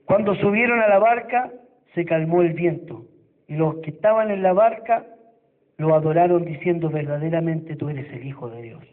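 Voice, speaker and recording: A man's voice: a little high, moderate pace. A Chilean man preaching a sermon as pastor, retelling a Bible passage and acting out the quoted voices with dramatic emphasis. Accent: Chilean Spanish. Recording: tinny phone-like church recording.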